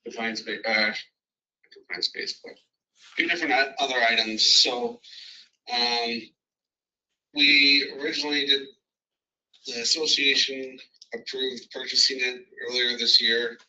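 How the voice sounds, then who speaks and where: A man, a fire chief, heard on speakerphone and reporting to a committee meeting, halting with frequent ums and restarts. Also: medium pitch, fairly even intonation, pushed and bright, highs cut off, slight background noise. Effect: heard over a phone on speakerphone. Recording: distant speakerphone sound in a meeting room.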